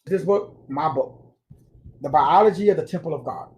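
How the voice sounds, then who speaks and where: A man's voice: fairly high pitch, normal speed, a little mellow. A man giving an informal spiritual lecture, slangy and emphatic, repeating words for stress. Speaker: spiritual teacher.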